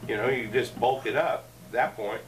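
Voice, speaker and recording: In a cluttered living room, a middle-aged host rambles through a loose, joking chat at home, drifting between asides in a mid-range voice at a moderate pace. A fixed camera mic across the room makes him sound somewhat distant, and faint room noise runs underneath.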